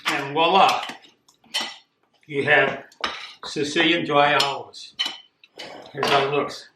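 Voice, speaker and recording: An older man from Costa Rica giving a plain, unhurried home cooking demonstration, repeating himself now and then. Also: a little high, steady tone. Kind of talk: casual home cooking demo. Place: echoey home kitchen. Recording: echoey kitchen with clear background noise.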